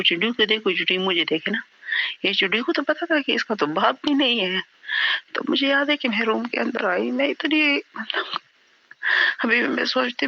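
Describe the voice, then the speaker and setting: A woman from Pakistan shares a painful personal story in a halting, rambling way, sometimes sinking into a soft, breathy near-whisper. Her voice is bright and edged with a gravelly rasp. The recording sounds dull and lo-fi. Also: medium pitch. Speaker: interviewee sharing a personal trauma story.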